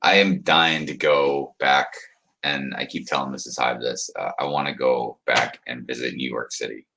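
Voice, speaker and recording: Hosting a livestream, this American man rambles through casual chat, chuckling, reading viewer comments aloud and calling people by name. He speaks at a moderate pace in a rumbling low, gravelly voice that is bright and forceful, with fairly even intonation.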